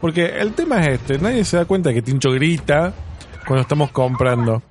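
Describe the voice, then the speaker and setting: A man's voice: fairly high pitch, lively intonation, normal speed, a little mellow, slight background noise. A young man with an Argentine accent, co-hosting a casual podcast and joking around with his friend. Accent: Argentine Spanish. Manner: joking, mimics friends with exaggerated voices. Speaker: podcast co-host.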